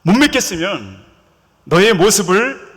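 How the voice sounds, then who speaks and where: A man playing a gentle reassuring swan. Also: high-pitched, big pitch swings, a little slow, pitched above the performer's own voice, full character voice. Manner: whispering comfort, counseling. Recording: reverberant church hall.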